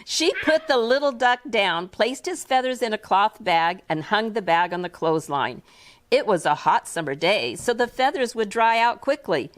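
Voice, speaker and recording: A woman author reading her picture book aloud to a first grade class in a classroom, with an expressive, animated delivery. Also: medium pitch, normal speed. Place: elementary school classroom.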